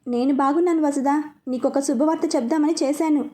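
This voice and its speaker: Woman as storybook grandmother, older matriarch, authoritative, high and mellow. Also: fairly quick, natural voice. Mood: joyful. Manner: authoritative, gives orders.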